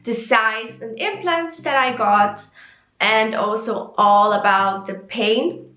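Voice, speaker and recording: A woman's voice: fairly high pitch, takes it slowly, sharp tone, roomy sound, poor audio. A young woman from Switzerland with a Swiss German accent, a native German speaker, chatting openly in a personal vlog with frequent ums and self-corrections. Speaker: vlogger.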